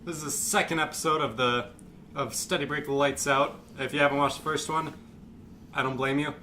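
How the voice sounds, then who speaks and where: A young man hosting a casual podcast chat, talking in a halting way with frequent restarts. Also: fairly high pitch, steady tone, bright, forceful tone, a little hiss or hum. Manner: halting, hesitant, many restarts. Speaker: podcast host.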